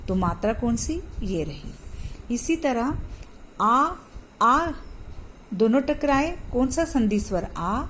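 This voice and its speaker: A woman teaches a grammar lesson at an unhurried, deliberate pace. She explains patiently and keeps turning to the class with questions. Her voice sits fairly high, with a light hiss of noise behind it. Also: rough recording.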